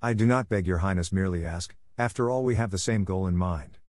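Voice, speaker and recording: A man reading aloud and voicing a calm, earnest young half-elf woman in a fantasy tale. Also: low voice, fairly quick, dry recording, clean studio sound, close to an everyday voice. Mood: composed.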